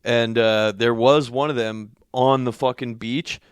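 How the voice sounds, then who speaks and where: A young man from California trades loose, profane banter as a podcast co-host. His voice is smooth and resonant, close on the mic in a dry, deadened room, at an everyday middle pitch. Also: steady tone, a little slow, no room sound. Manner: loose, profane, laughs easily. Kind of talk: casual chat.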